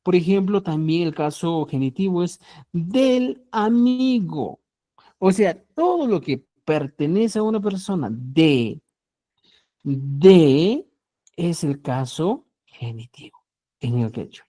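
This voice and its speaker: Woman teacher going over grammar slowly, low mellow voice, lots of rise and fall. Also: animated. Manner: slow, explanatory, repeats phrases and asks "¿ya?". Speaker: language teacher. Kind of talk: online grammar lesson.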